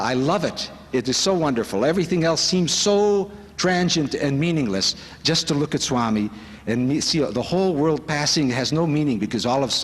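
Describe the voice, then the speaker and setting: Earnest man speaking in a reverberant hall. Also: mid-range voice. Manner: earnest, reflective storytelling. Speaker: speaker at a spiritual retreat. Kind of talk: devotional talk. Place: conference hall.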